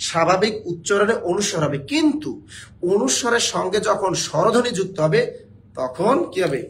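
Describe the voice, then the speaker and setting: Male teacher, fairly high voice, drill-style lesson, faint background noise. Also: sing-song, moderate pace. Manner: drills students, repeats words, asks and answers himself. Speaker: Bangla teacher. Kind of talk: online exam-prep class.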